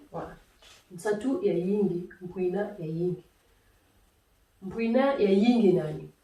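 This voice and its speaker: A woman giving a spoken language lesson, explaining slowly and patiently, with many pauses and hesitations. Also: medium pitch, dark tone, reverberant, far from the mic, low-quality recording. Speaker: language teacher.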